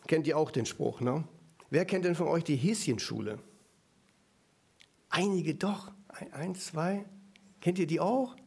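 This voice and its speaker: Ein Mann predigt mit auffallend hoher Stimme lebhaft und im Plauderton. Er wendet sich immer wieder mit kurzen Rückfragen ans Publikum. Dabei wechselt er zwischen schnellem Reden und langsamer Betonung. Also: male voice, fairly high pitch, unhurried, vocal fry, long pauses, breathy edge. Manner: lively, conversational, with frequent asides to the audience. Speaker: preacher. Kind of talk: sermon.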